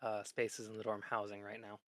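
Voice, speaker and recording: A man voicing a young woman student recovering in a hospital bed, speaking calmly and chattily. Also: lowish voice, normal speed, dry recording, pitched below the performer's own voice, natural voice.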